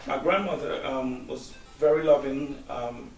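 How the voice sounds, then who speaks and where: A man's voice: medium pitch, measured pace, soft background music. A middle-aged man from Guyana, a guest answering interview questions in a hesitant way, with many ums and restarts. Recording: echoey room, distant mic, faint hiss.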